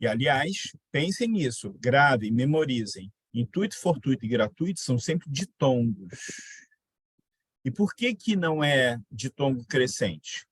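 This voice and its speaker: Man, grammar teacher, unhurried, slightly husky, dry close sound. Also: medium pitch, big pitch swings, no room sound. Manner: repeats and spells out example words, quizzes students. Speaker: Portuguese teacher. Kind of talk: online exam-prep grammar lesson.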